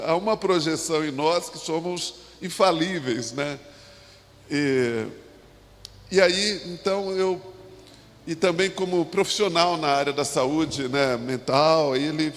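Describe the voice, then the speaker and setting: A man with a Brazilian Portuguese accent preaching a sermon as a pastor in a church, talking in a halting way with restarts and asides. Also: a little high. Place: church sanctuary. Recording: long hall reverb.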